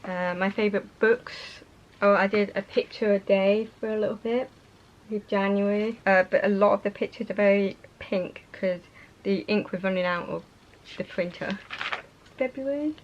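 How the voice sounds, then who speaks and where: A woman's voice: mid-range voice, fairly even intonation, normal speed. A young British woman chatting casually and a little hesitantly as she shows things to viewers in a vlog. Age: young adult. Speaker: vlogger. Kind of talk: casual show-and-tell chat. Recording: muffled sound with faint noise.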